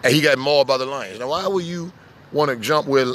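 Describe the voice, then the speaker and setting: A man preaching casually outdoors as a street preacher, telling animated stories and acting out little voices. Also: mid-range voice, brisk, a little hiss or hum. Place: outdoors in the sun.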